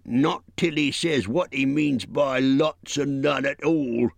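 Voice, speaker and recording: A man doing a slow, bullying troll. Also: mid-range voice, no echo, voice pushed up. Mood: quarrelsome. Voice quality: coarse, bullying, rough slang. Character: quarrelsome, suspicious male troll.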